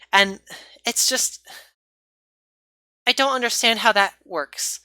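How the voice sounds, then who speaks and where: A woman's voice: medium pitch, pushed and bright, no room sound. A woman giving a casual, rambling movie review, often stopping to correct herself and apologize.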